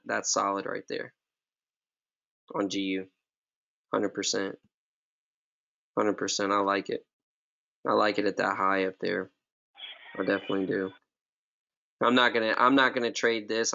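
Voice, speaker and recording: A man's voice: lowish voice, creaky, bright, forceful tone, lo-fi sound. A man leading a casual live trading session for his members, laid-back and slangy, often repeating himself. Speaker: forex trading mentor.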